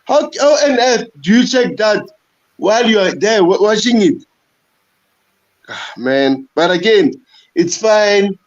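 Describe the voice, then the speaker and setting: High-voiced frustrated fan on a lo-fi line. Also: male voice, expressive. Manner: frustrated, halting, many repeats and stumbles. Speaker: guest fan on a live stream. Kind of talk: casual football rant.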